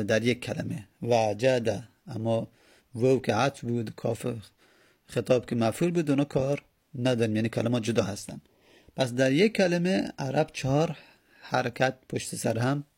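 A man teaching a grammar lesson, explaining slowly and repeating word forms as he spells them out. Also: medium pitch, vocal fry, a little mellow, breathy edge. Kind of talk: Arabic grammar lesson in Persian.

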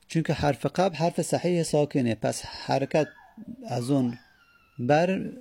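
Gravelly low-toned man teaching grammar. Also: dark tone. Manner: drawn-out syllable-by-syllable spelling of word forms; asks questions and answers them himself. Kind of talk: classroom lecture on Arabic morphology.

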